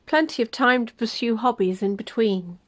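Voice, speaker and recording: Woman gently reading her story. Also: fairly high pitch, normal speed. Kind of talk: first-person story reading.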